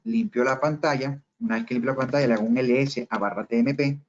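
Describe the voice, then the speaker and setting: A man teaching a screencast tutorial, explaining each step and speaking straight to the viewers. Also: mid-range voice. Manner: explains step by step, often addressing viewers directly. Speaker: instructor. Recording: dull lo-fi recording.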